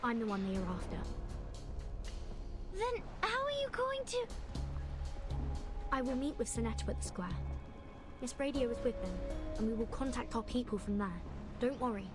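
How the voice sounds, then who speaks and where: A woman's voice: fairly high pitch, moderate pace, pauses often, music in the background. A woman voicing a resolute young woman who steadily leads others to safety in a game. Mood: urgent. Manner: firm, steady. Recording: game voice with background score.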